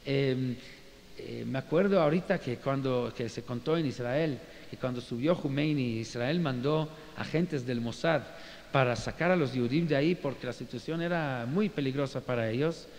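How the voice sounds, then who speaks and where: A man teaching as a rabbi, telling stories in an animated way, pausing to search for words, with faint hiss and a roomy echo on the recording. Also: mid-range voice. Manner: animated, with frequent fillers and restarts. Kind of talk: storytelling lecture. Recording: reverberant room with faint hiss.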